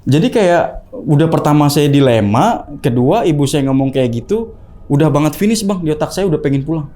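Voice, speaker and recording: A young man telling a ghost story in casual talk, acting out the quoted voices in a higher pitch. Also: a little fast. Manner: animated, acts out the quoted voices with rising pitch. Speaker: guest storyteller.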